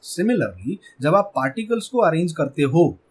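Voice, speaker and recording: A male chemistry teacher with an Indian English accent gives an exam-prep lecture. His voice sits a little high. He keeps asking the class questions and answers them himself, repeating key words. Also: sing-song, unhurried, a little mellow, husky.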